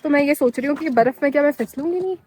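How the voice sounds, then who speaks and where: Chatty high-voiced pahari woman vlogging. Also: very fast. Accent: Pahari-tinged Hindi. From Himachal Pradesh, India. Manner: chatty and excitable, addressing viewers directly. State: short of breath at altitude. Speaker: solo motorcycle travel vlogger. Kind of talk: casual travel vlog to camera. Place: outdoors on a snowy mountain pass.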